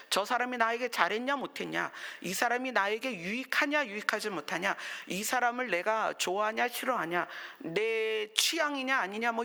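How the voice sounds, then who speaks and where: Woman pastor, bright tone with fry, chatty sermon delivery, leans on rhetorical questions and whispered asides. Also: on the high side, in a large hall. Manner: conversational preaching with rhetorical questions, dropping to whispers. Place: church sanctuary.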